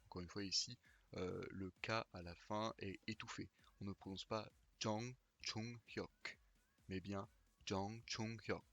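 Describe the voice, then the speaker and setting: A man hosting a pronunciation video, slowly repeating each name with care in a scripted teaching monologue. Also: low-pitched, steady tone, creaky, a bit bright. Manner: slow, careful repetition of names.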